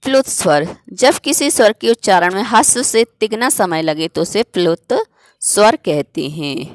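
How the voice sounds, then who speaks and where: A woman's voice: mid-range voice, animated, moderate pace, no echo. A woman teacher giving a grammar lesson, explaining step by step and asking herself questions before answering them.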